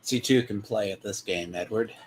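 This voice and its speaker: A man giving off-the-cuff reaction commentary in a deliberate, needling, disapproving way. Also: on the low side, a little hiss or hum. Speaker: commentator reacting to a played recording.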